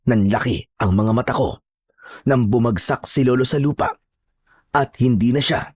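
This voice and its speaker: A male storyteller with a husky, mid-pitched voice who tells a horror tale in the first person. His delivery is steady and dramatic, and the sound is dry and close. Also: normal speed, no echo. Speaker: narrator.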